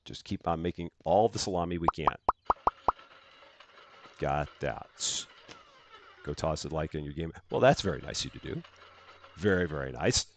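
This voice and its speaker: His voice is extremely low, with lively intonation and a normal pace, though he pauses often, and the background is noisy. He's a middle-aged man from the Chicago area with a general American accent, running a live gaming stream and greeting viewers by name in upbeat, casual talk riddled with fillers and restarts.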